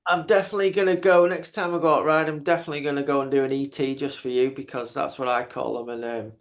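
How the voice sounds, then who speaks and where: A man in his fifties hosting a podcast, chatting casually in a halting way, often repeating words. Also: medium pitch, steady tone. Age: 50s. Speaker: podcast host. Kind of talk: casual interview chat.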